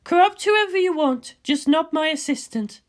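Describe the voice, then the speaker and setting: In a fan fiction reading, a man voices a cool, sensible woman scientist who speaks in a measured, dryly chiding way. He pushes his voice up to an extremely high pitch with lively intonation.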